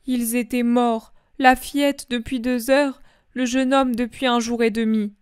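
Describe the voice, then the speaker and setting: A woman voicing the young apostle John, speaking low, hushed and solemn in a dramatic religious reading. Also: fairly even intonation, unhurried, clean tone, no echo, clean studio sound, lightly acted. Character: young male apostle John, grave, sorrowful.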